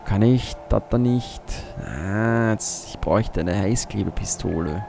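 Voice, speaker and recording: A man's voice: lowish voice, a little slow, vocal fry, music in the background. A man giving casual gameplay commentary as a let's play host, muttering to himself as he thinks aloud.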